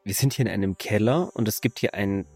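Lowish man musing about a game. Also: brisk, a little mellow, faint music behind. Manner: musing, questioning. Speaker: podcast host. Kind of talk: casual chat about a video game.

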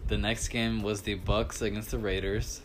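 A man's voice: lowish voice, flat delivery, slight background noise. A young man co-hosting a casual podcast, chatting about football and laughing often. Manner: laughs often, quick interjections. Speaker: podcast co-host.

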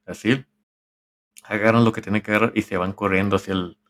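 Low-voiced Mexican man telling a tale. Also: fairly even intonation, fairly bright tone. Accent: Mexican Spanish. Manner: rambling, halting narration with slang and swearing. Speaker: podcast co-host. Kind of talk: casual storytelling among friends.

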